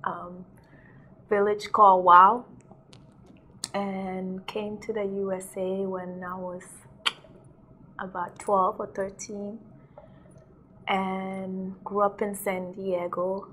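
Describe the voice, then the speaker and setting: A young woman from South Sudan chats through a relaxed interview as a DJ and model. She leans on "like" and "um" and laughs easily. Her voice sits at an ordinary middle pitch, close on a lapel mic in a studio. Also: slow, pauses often, a little hiss or hum. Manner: chatty, laughs often, many "like"s and fillers. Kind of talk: casual interview storytelling.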